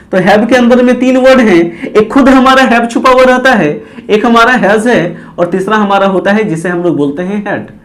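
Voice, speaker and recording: High-voiced man teaching at a board. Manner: repetitive, quizzing students with call-and-response. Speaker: English teacher. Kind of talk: classroom lesson at a board. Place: classroom with a board.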